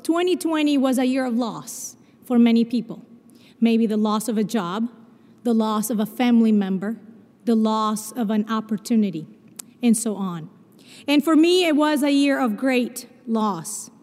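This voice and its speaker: Woman, high voice, Spanish-Portuguese accent, story-led sermon, long chapel reverb. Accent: Spanish and Portuguese mix. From Argentina. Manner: warm storytelling with self-deprecating humor. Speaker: chapel speaker. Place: large chapel, live service.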